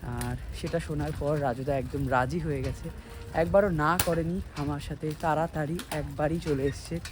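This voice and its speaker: A vlogger and dance teacher from India with a Kolkata Bengali accent chats casually and ramblingly, slipping in English phrases. His voice is on the high side and steady, at a moderate pace, with a noisy background behind him.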